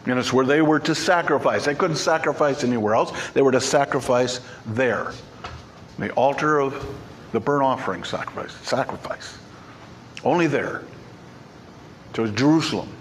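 A man's voice: medium pitch, normal speed, slight background noise. Emphatic man preaching a sermon. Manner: emphatic, repeats key words. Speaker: pastor. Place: church sanctuary.

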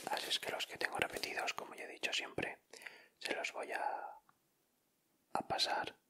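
An ASMR video host with a Spanish accent whispers softly close to the mic, making short, unhurried, casual remarks as he opens sticker packs.

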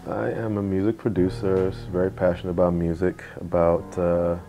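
Deep flat-voiced young man. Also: dull audio, faint music behind. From Nigeria. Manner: relaxed, fills pauses with "you know". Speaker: music producer. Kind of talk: casual interview. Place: dim music studio.

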